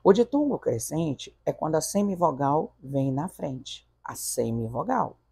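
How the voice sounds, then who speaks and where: A man's voice: fairly high pitch, very animated, unhurried, vocal fry, mellow, husky, no room sound, studio quality. A man teaching a casual video lesson, playful and affectionate with viewers. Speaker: Portuguese teacher.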